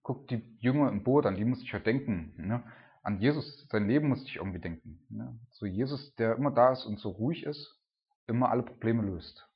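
Guy preaching a sermon, mid-pitch voice, keeps tossing in "ne?", kinda muffled lo-fi sound. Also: lively intonation, a little fast. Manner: informal, keeps adding "ne?", builds to loud cries when retelling the storm.

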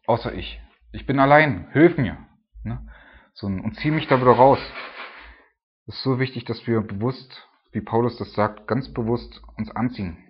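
A man preaching a sermon in a conversational way, often tagging his sentences with a questioning "ne?", swinging between emphatic rises and hushed drops. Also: fairly low pitch, husky, muffled recording. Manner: conversational, frequent tag "ne?".

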